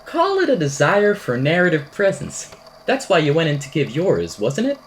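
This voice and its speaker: In an amateur audio drama, a woman plays an eccentric, whimsical podcaster telling a supernatural tale as a storytelling monologue. Her fairly low voice swings about lively at a moderate pace, verbose, theatrical, and wry with a deadpan edge, creating a grandly whimsical mood. A little background noise can be heard.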